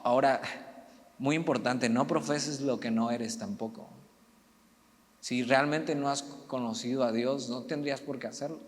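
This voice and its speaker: Man, youth preacher, mid pitch, chatty sermon with jokes, long hall reverb. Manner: conversational preaching with humorous asides.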